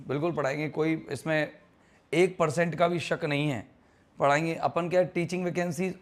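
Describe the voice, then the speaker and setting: Man, grammar teacher, teasing and chatty, slightly high voice. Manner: chatty, teasing, quizzes students on answers. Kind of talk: live online English grammar class.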